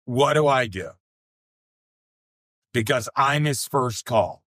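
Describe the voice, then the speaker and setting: A middle-aged man telling a personal story on a podcast, earnest and emphatic, repeating phrases with deliberate pauses and some swearing. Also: medium pitch, fairly bright tone, dry recording, studio quality. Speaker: podcast speaker.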